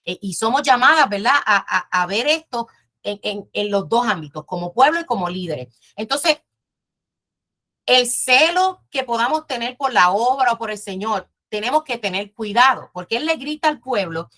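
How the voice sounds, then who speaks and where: A woman's voice: on the high side, animated, moderate pace, pushed and bright. Emphatic woman teaching a Bible class. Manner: earnest, emphatic, repeats phrases.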